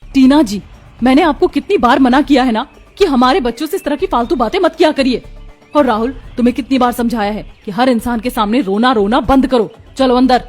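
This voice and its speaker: A woman's voice: medium pitch, brisk, darkish tone, faint music behind, lightly acted. A woman voicing a worried but dignified young mother in a cartoon story, firm and caring. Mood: stern.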